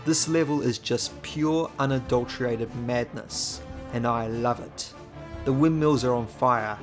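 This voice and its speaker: A man giving a measured, enthusiastic scripted narration for a video essay. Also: medium pitch. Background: faint music.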